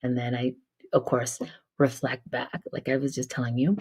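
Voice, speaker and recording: Low gravelly woman telling stories. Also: normal speed. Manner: animated, swinging between loud bursts and soft near-whispers; casual, swears, repeats herself. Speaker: live stream host. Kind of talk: spiritual storytelling chat.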